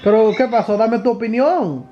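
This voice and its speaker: Fast-talking man. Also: sits high, expressive, lo-fi sound. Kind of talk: casual conversation. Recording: music over conversation.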